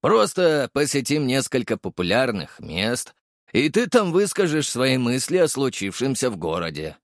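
A wry, jaded police captain with a lively, swinging delivery, dry and knowing, as a male narrator puts him on. He sounds matter-of-fact and a touch amused. The recording is close and dry, with no room sound. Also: mid-range voice, normal speed, no room sound, voice pushed up. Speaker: audiobook narrator voicing a character.

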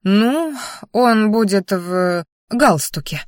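A woman's voice: medium pitch, lively intonation, slow, no room sound, clean studio sound. A woman voicing a pushy older mother who keeps insisting her daughter marry. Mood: insistent. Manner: insistent, scolding.

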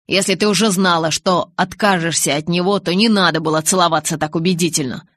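Woman reading a hurt young man, low-pitched, pressing, dry close sound. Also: expressive, brisk, dry recording. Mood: reproachful. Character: young man, wounded, hurt but teasing friend. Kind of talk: audiobook reading.

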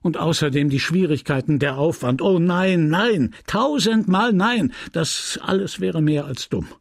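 A man's voice: a little high, moderate pace, gravelly, no room sound, clean studio sound. A man playing a self-centered young lover in a read novel, terse and irritable. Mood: indignant.

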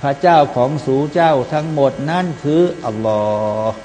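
A man's voice: a little high, normal speed, darkish tone. A man preaching a Quran commentary, chanting Arabic verses between plain explanations and addressing his listeners as brothers and sisters. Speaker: Islamic preacher. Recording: long hall reverb, faint mains hum.

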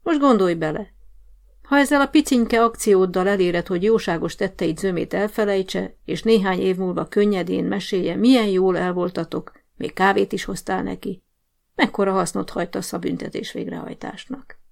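A woman's voice: mid-range voice, creaky, close to an everyday voice. A woman doing a bossy prison sergeant-major. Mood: scheming. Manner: commanding, barking orders.

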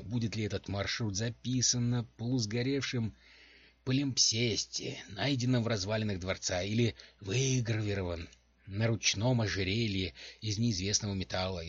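A man voicing a blunt, hot-tempered woman warrior in a husky voice on a dull home recording. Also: lowish voice, no echo.

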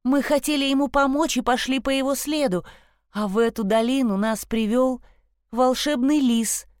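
A woman voicing an eager young girl who speaks quickly and urgently in a raised voice. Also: high-pitched, no room sound, studio quality, pitched above the performer's own voice, natural voice.

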